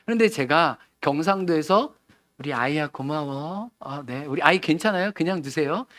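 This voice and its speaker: A male pastor from Seoul delivers a Sunday sermon in a church. He talks conversationally and keeps asking his congregation questions. His voice sits fairly high, and the sound is close and dry. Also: lively intonation, normal speed, a bit bright, no echo. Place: church sanctuary.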